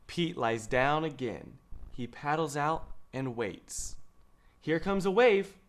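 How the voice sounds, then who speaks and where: A young adult man reads a children's picture book aloud in an indoor studio, speaking slowly and with liveliness in a voice on the high side. As host, he tells the story in a measured, expressive way and lifts the quoted lines.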